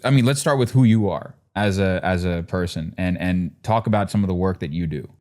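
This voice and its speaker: A man hosts an interview and sets up his questions conversationally. His voice sits fairly low. He often stops and restarts his phrasing. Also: fairly quick, darkish tone. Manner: hesitant, with frequent restarts. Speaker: interview host.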